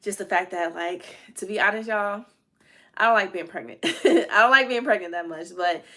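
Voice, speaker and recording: A woman in her thirties talks casually to her live-stream viewers. She is chatty and animated, often breaking into the voices of her family as she tells the story. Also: mid-range voice, normal speed. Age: 30s. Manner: chatty, animated, acts out family members' lines. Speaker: vlogger.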